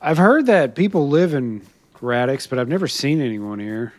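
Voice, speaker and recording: A man's voice: normal speed, no echo. A man streaming a survival game, chatting in character and to his viewers, laughing often as he talks. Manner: chatty, laughs often, lively swings in pitch. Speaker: streamer playing a role-play character. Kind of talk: live gameplay role-play chat.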